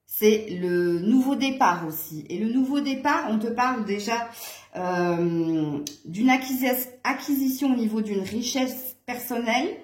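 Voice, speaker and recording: A woman with a slightly high voice gives a casual tarot reading to her viewers. She talks in a chatty, meandering way, full of hesitations and fillers. Her voice rings in a noticeably echoey room. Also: a little slow. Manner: chatty, hesitant with many fillers, occasional laughs. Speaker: tarot reader.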